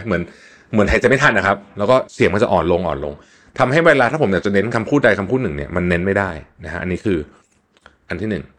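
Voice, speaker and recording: A man hosting a solo podcast, explaining tips in a chatty, casual way with frequent polite particles and repeated words. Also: deep voice. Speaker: podcast host.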